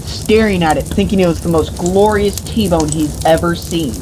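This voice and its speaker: In a noisy room with constant background hiss, a woman recounts a tabletop game from the game master's seat. Her pitch is fairly low and her speed normal, and she tells it in a crude, comedic, theatrically mock-grandiose way.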